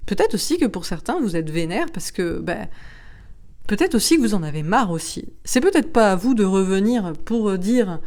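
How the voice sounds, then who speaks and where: A woman's voice: mid-range voice, lively intonation, moderate pace, a little mellow. A woman giving a casual astrology and tarot reading to camera, chatty and rambling, laughing often and using slang. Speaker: tarot card reader.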